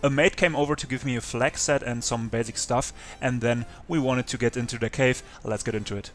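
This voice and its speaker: A man's voice: mid-range voice, steady tone, fairly quick, a bit bright, faint music behind. A man narrating his online survival game clips for his channel in a chatty way, talking to viewers. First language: German. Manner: chatty, talks straight to viewers. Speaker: gaming YouTuber narrating. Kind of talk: casual gameplay narration.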